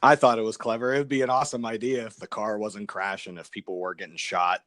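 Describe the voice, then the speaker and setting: A man's voice: on the low side, fairly even intonation, quick pace, a bit bright, no echo, studio quality. A man guesting on a podcast, chatting casually, sharing movie trivia and laughing often.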